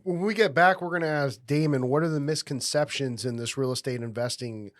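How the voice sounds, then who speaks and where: A man's voice: medium pitch, fairly quick, dry recording, clean studio sound. A man from Tampa, Florida, co-hosting a podcast in an easygoing, joking way. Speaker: podcast co-host. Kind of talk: casual chat.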